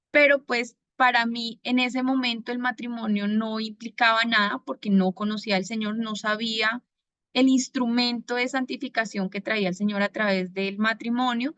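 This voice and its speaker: A woman from Bogotá with a Colombian accent, giving a personal faith testimony in an earnest manner, pausing often to gather her words. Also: on the high side, fairly bright tone, no room sound. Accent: Bogotá Colombian Spanish. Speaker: testimony giver.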